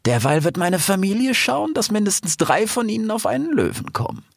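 A man's voice: high voice, very animated, fairly quick, gravelly, no room sound, studio quality, pitched above the performer's own voice, exaggerated voice. A man voicing a scheming female hyena rebel leader who cackles and gloats.

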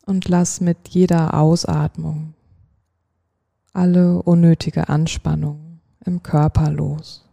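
Guided meditation narrator, sleep-story manner, calm and soothing, slow pace, long pauses, dry close sound. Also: mid-range voice, creaky, no room sound.

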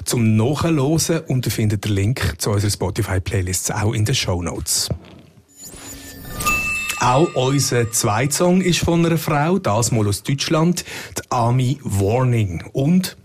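A man's voice: mid-range voice, expressive, measured pace. A man with a Swiss German accent, co-hosting a music podcast in a casual, conversational style. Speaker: radio music chief and podcast co-host.

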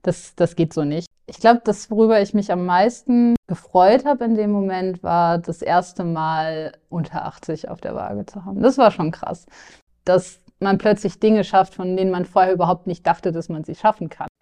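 A woman's voice: on the low side, moderate pace, dark tone. A young woman from northern Germany, speaking candidly as a client in a podcast interview, with filler sounds and restarts. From Lower Saxony, Germany.

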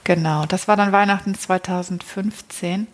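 A woman's voice: on the low side, fairly even intonation, moderate pace. A woman telling her personal story as an interview guest in a casual, chatty way, often restarting sentences and adding tag questions.

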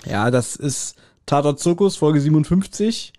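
This man's voice sits a little high and carries a dark tone, and he speaks animatedly at a moderate pace. He hosts a podcast reviewing audio dramas, casually chatting and retelling stories in an informal way.

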